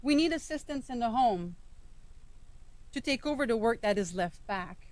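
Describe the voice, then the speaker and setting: A woman's voice: on the high side, lively intonation, moderate pace, a little mellow, no room sound. French-accented Quebec woman, dry close sound. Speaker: veteran's wife and advocate. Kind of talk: prepared public speech.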